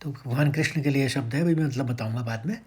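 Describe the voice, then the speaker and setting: A man teaching how to recite verses, patiently breaking words into syllables and chanting each line slowly and drawn out. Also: mid-range voice, darkish tone, slightly rough. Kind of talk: step-by-step chant lesson.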